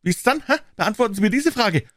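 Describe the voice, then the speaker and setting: A man voicing a quarrelsome, stingy old nobleman in an audiobook, with a whining yet sharp, insistent voice. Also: high voice, expressive, quick pace, no room sound, studio quality, voice pushed up. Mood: indignant, stingy. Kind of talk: audiobook character voice.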